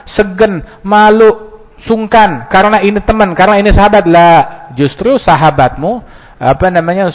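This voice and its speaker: A man preaching an Islamic sermon. He tells it as an animated story, acts out the dialogues, and mixes Arabic quotations with slang. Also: sits high. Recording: dull lo-fi sound with long hall reverb.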